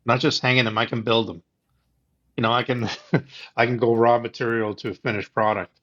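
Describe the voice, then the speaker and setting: A man co-hosting a podcast in casual chat, talking haltingly with many restarts and "like"s. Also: mid-range voice, flat delivery, a bit bright. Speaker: podcast co-host. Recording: dull lo-fi sound.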